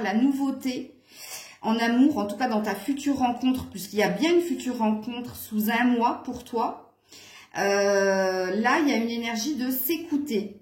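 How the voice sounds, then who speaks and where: A woman with a slightly high voice gives a casual tarot reading to her viewers. She talks in a chatty, meandering way, full of hesitations and fillers. Her voice rings in a noticeably echoey room. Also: darkish tone. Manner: chatty, hesitant with many fillers, occasional laughs. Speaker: tarot reader.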